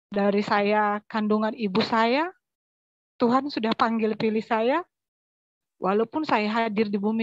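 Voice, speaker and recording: A fairly high-voiced woman from West Sumatra tells her story as a church testimony. She speaks earnestly and keeps turning to her listeners. The sound is dry and dull, with a lo-fi quality. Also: no room sound. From West Sumatra, Indonesia. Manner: earnest, addresses listeners as brothers and sisters.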